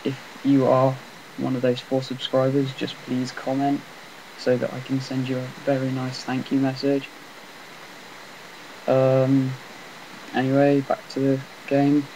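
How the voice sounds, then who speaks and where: A man casually rambling through commentary on a game he is playing, talking in a flat, self-deprecating way on a laptop mic. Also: medium pitch, unhurried, pauses often, a little hiss or hum, rough recording. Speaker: gameplay commentator.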